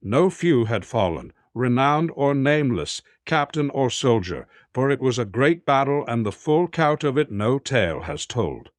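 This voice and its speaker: A man reads an audiobook at a middle pitch, steady and even in his storytelling. The recording is close and dry, with no sense of a room. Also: measured pace, few pauses, no room sound. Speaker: audiobook narrator. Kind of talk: scripted narration.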